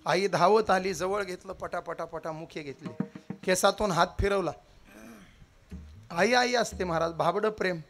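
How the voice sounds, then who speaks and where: A man's voice: high-pitched, a little slow, a bit bright, faint music behind. A man telling a devotional story, dramatic and acting out the characters' cries. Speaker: kirtan preacher.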